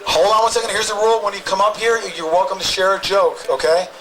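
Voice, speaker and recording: Over crowd noise and poor audio, a high-pitched man with fairly even intonation runs a live outdoor rally. He keeps things light and quick, joking between introductions of each new speaker to the protest crowd.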